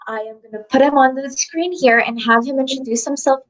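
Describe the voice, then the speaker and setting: A woman's voice: sits high, fairly quick, low-quality recording. Upbeat woman hosting a video interview. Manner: upbeat and enthusiastic. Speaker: interview host.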